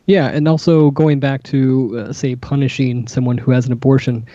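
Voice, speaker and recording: Flat-voiced, halting man on a discussion show. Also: mid-range voice, dry recording. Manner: halting, many fillers and restarts. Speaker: co-host. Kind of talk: casual panel discussion. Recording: dull lo-fi sound.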